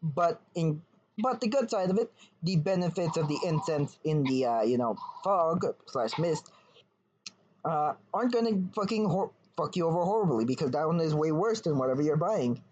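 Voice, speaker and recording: A man's voice: a little high, lively intonation, moderate pace, darkish tone. A man running a tabletop game over voice chat, explaining the rules loosely and swearing often. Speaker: game master. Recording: dull lo-fi voice chat with faint noise.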